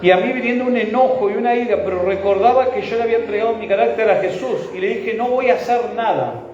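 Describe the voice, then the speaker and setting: A man's voice: high voice, fast talker, a crowd in the background. A man with a Rioplatense Spanish accent, a pastor preaching a sermon and leading his congregation in call-and-response. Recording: echoey hall, dull sound.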